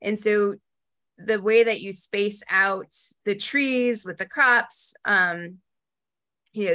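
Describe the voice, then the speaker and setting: A woman's voice: medium pitch, sharp tone. A woman in her forties answering questions on a video call from her dining room, speaking hesitantly with many fillers. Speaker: guest speaker. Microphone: laptop webcam, video call.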